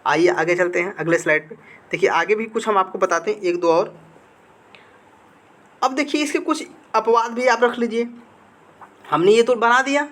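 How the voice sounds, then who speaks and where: A male grammar teacher with a high, slightly bright voice works through a classroom-style slide lesson. He keeps posing questions to the students, answering them himself and repeating key words.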